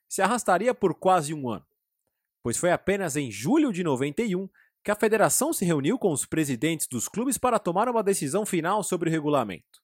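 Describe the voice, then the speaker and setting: A man's voice: high-pitched, slightly rough, no echo, clean studio sound. A Brazilian man delivering scripted narration about football history as the show's host.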